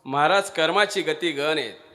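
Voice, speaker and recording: Bright, high-voiced man preaching a kirtan. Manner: emphatic preaching, chanting Sanskrit verses in a drawn-out voice; addresses the audience directly with rhetorical questions. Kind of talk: devotional kirtan sermon.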